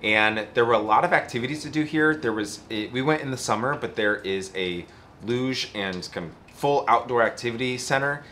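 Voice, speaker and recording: A man's voice: mid-range voice, moderate pace, sharp tone, slight background noise. A man in his thirties chatting casually as a travel vlogger, seated outdoors by a camper in an easygoing, lightly joking way. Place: outdoors beside a camper trailer.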